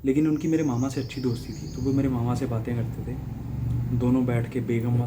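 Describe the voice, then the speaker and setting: A young man from Haryana, India, talks briskly in a medium-pitched, level voice over heavy background noise. As a guest reader, he casually and reflectively recounts how a writer shaped his life, with small laughs and restarts.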